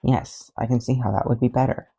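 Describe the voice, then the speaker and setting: A podfic reader voicing Batman, a stern grim male vigilante who speaks in a low, clipped deadpan. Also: a little fast, gravelly, husky, poor audio.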